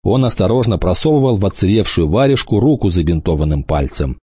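A man reading a children's novel aloud in an expressive way, shifting into voices for the characters. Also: sits low, quick pace, husky, dry recording, muffled recording. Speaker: audiobook reader.

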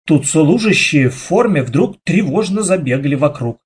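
A male storyteller reading a children's book aloud, his voice high and swinging animatedly through the tale. It carries a husky, breathy edge, with dramatic expressive delivery. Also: moderate pace. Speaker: narrator.

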